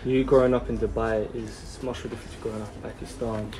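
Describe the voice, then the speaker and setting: A man's voice: on the low side, little pitch movement, quick pace, dark tone, low-quality recording. A man interviewing in casual conversation, asking questions with many fillers. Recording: clear crowd chatter behind.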